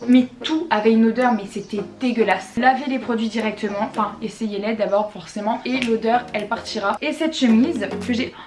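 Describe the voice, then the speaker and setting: A young woman from France chatting casually about her shopping haul as a vlogger, slangy with quick asides. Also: fairly high pitch. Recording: echoey room with faint music.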